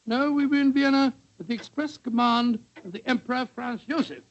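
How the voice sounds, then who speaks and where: An actor playing a genial, fussy older English doctor who reminisces, in 1940s radio storytelling style. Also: male voice, very high voice, fairly quick. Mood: genial, nostalgic. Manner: avuncular, fussy. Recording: muffled old 1940s radio recording.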